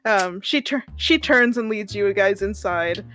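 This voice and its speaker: A woman game master narrating a tabletop fantasy game at a middling pitch. She describes rooms and characters haltingly, full of ums and self-corrections. Faint music sits underneath. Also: expressive, a bit bright. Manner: hesitant, many ums and restarts.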